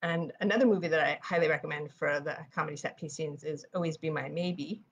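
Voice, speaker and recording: Fast-talking New York woman, low voice. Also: steady tone, a little hiss or hum. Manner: fast-talking, chatty, with frequent fillers. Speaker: author presenting writing tips. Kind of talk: live-streamed writing presentation.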